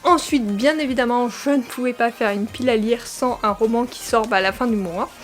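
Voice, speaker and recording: A young woman chats about her reading pile in a fairly high voice, full of hesitations and little restarts. Faint music plays quietly behind her. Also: a little fast. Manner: chatty, many fillers and restarts. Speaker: book vlogger. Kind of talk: casual book talk with read-aloud summaries.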